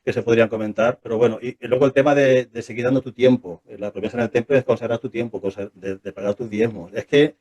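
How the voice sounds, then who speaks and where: A man talking as an interview guest in a casual conversation, fast and animated, full of restarts and rhetorical questions. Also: medium pitch, lo-fi sound. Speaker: interview guest, former church member.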